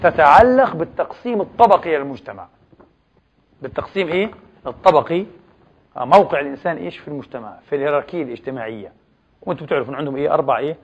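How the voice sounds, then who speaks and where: Fast-talking lecturer, husky voice. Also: male voice, fairly high pitch, expressive, dull audio. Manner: keeps posing quick rhetorical questions and answering them. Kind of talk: religious history lecture.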